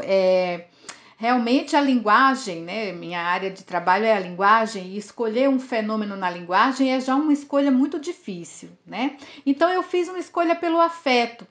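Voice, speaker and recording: A woman's voice: medium pitch, a bit bright. A woman from in Brazil's Northeast, a linguistics professor explaining things as a podcast guest, often tagging her sentences with questions. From Campina Grande, Paraíba, Northeast Brazil. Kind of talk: podcast interview.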